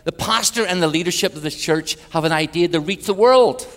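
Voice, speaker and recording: An Irish man preaching an evangelistic sermon with personal testimony in a large church, swinging between loud emphatic peaks and hushed passages, with wry humorous asides. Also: high-pitched, brisk. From Ireland. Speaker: guest preacher, minister to Europe. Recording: church hall with long reverb.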